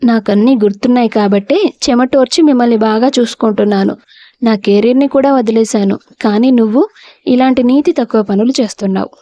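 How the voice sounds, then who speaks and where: A woman's voice: on the high side, brisk, dark tone, no room sound, close to an everyday voice. A woman voicing a bitter, resentful young husband who snaps scornfully. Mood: angry. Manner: scornful, snapping.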